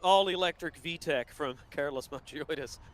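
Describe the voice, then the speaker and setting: A man calling laps as a sim racing commentator, giving steady play-by-play and often correcting himself. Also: fairly high pitch, moderate pace, a little hiss or hum.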